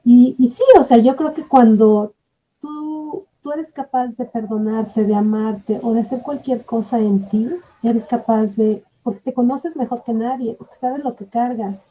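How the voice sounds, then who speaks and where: A woman's voice: a little high, fairly even intonation, measured pace, mellow, low-quality recording. A woman giving an earnest, reflective personal testimony, often repeating herself as she searches for words. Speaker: bereaved mother giving testimony.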